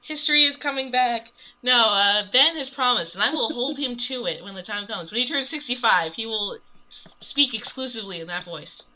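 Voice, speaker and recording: A woman's voice: on the high side, lively intonation, moderate pace, sharp tone. A woman co-hosting a podcast, chatty and agreeable in casual talk. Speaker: podcast co-host. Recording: dull lo-fi sound.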